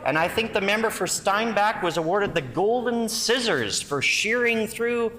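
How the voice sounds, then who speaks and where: A man's voice: high-pitched, lively intonation, normal speed, bright, forceful tone. A man with a Canadian accent giving a combative, critical, emphatic speech as an opposition legislator. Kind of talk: parliamentary debate speech. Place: large indoor legislative chamber. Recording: reverberant legislative chamber.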